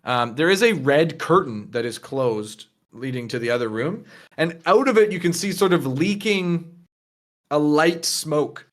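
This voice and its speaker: A man's voice: a little high, lively intonation, measured pace. A man narrating a tabletop game as game master, describing scenes loosely with many fillers.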